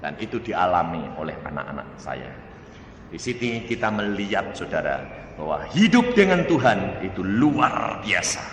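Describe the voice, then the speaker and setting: A man, preaching a sermon through lively storytelling that swings from loud to hushed. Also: low-pitched, normal speed, slight background noise. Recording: echoey hall, faint ambience.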